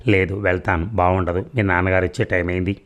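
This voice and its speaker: A man's voice: sits low, fast, lightly acted. A man reading a teasing young suitor. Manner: teasing and flattering. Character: playful young man courting his sweetheart. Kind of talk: audio story reading.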